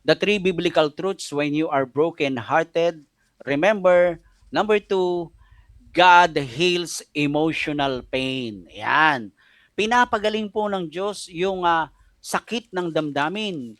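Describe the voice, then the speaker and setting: Filipino pastor guy, highish voice, emotional storytelling on radio, dry close sound. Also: slow, a bit bright, no echo. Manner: emotional storytelling, mixes Tagalog and English. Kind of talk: radio sermon with personal testimony.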